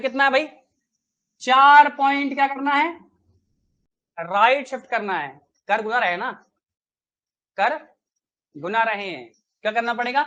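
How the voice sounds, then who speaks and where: A man's voice: very high voice, fairly bright tone, dull audio. A man teaching a live online maths class, chatty and coaxing, who keeps quizzing his students with rhetorical questions.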